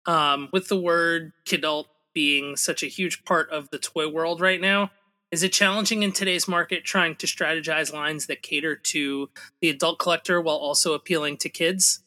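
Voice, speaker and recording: Sharp, higher-voiced male co-host. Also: steady tone. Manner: asks long, measured questions. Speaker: podcast co-host. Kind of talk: casual podcast interview.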